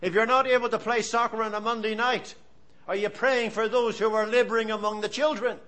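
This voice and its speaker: Speaking fairly quickly in a high voice, a man in his seventies with an Irish accent delivers a sermon. He's animated, spinning it like a story while earnestly urging his audience on.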